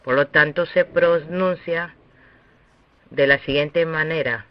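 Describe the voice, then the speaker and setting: Slow, deliberate male language teacher. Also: on the high side, fairly even intonation, dry recording. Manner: slow, deliberate, with long pauses. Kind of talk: slow recorded lesson. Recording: dull, dry lo-fi recording.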